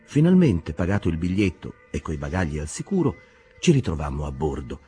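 A man narrating a classic novel as an audiobook in an expressive reading that swells in the action passages. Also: very deep voice, a little fast, breathy edge.

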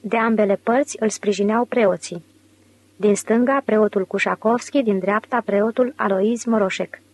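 A woman narrating an audiobook in a measured, clear reading voice. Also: mid-range voice, steady tone, a little mellow. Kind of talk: scripted narration.

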